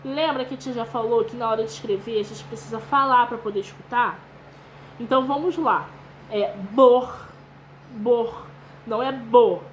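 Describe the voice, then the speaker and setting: Patient high-voiced woman teacher. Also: slight background noise, low-quality recording. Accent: Brazilian Portuguese. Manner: slow, patient, sounds out syllables. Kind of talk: children's lesson with read-aloud.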